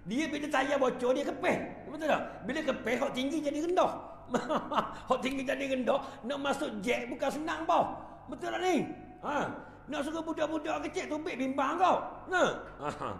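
A man's voice: very high voice, expressive, moderate pace, vocal fry, a bit bright. A man with a Terengganu Malay accent giving an evening lecture in a prayer hall, telling funny stories with chuckles and asking the crowd "right?". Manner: humorous storytelling with chuckles and call-outs. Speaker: preacher. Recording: echoey hall.

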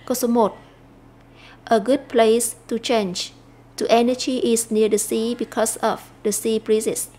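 A Vietnamese woman teacher explaining an English lesson, slowing down to read English phrases aloud. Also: fairly high pitch, little pitch movement, mellow.

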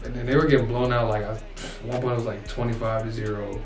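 Young dude rambling through a game recap, echoey room, far mic, bit of music behind. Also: male voice, medium pitch, level tone, fast talker. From United States. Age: young adult. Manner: rambling, lots of restarts and "like". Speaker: co-host. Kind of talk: casual sports recap chat. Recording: roomy echo, distant mic, faint music.

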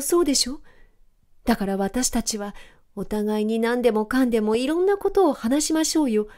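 A woman's voice: high voice, pitched above the performer's own voice. A woman doing a boisterous loyal storybook dog. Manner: loud, pushy and excitable. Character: boisterous loyal male dog, rough and eager.

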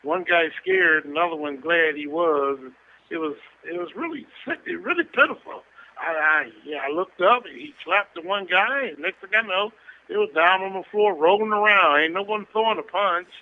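A man's voice: high voice, animated, normal speed, a little hiss or hum. A man in his sixties calling in on a prison phone line, chatting casually with a loose, crude way of telling stories. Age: 60s. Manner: loose, crude storytelling with frequent chuckles. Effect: heard over a prison phone line. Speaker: inmate calling into a podcast. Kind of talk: casual chat.

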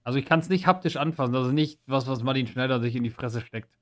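A man with a mid-range voice jokes his way through a quiz on a casual podcast. He throws out quick guesses and keeps the talk loose. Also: mid-range voice, fairly bright tone. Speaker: podcast co-host.

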